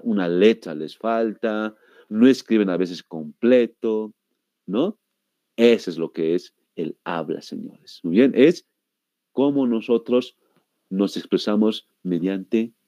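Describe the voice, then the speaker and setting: A teacher with a Bolivian Spanish accent gives a classroom lecture, posing questions to the class and answering them himself. He repeats words slowly to show their pronunciation, his voice lowish and mellow with no echo.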